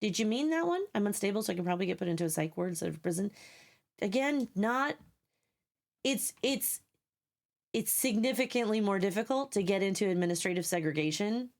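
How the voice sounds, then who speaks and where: During a live stream, a young woman chats casually with viewers at a slightly fast clip, with a medium pitch and lively intonation. Her voice is scratchy and sleepy, and she's blunt and sarcastic, swearing freely and saying things more than once.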